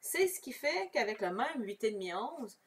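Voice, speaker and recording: Speaking with a Québécois French accent, this crafting demonstrator chats casually through her tutorial, explaining every step and replying to viewers. Her fairly high voice has a sing-song lilt at a moderate pace, picked up from a bit away from the mic.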